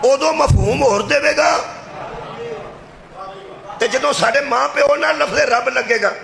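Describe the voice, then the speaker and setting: A male preacher with a Punjabi accent giving a majlis sermon over a loudspeaker, swinging between fervent shouting and low confiding asides, often putting questions to the crowd. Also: vocal fry, reverberant. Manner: addresses the crowd directly with rhetorical questions. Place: religious gathering with loudspeaker. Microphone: loudspeaker microphone.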